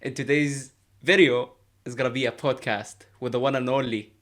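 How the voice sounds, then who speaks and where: Host: young man, mid-pitched, easygoing chat on a headset video call. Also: steady tone, moderate pace, a bit bright, a little hiss or hum. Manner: easygoing, chatty. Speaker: podcast host. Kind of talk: casual interview. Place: small room, indoors.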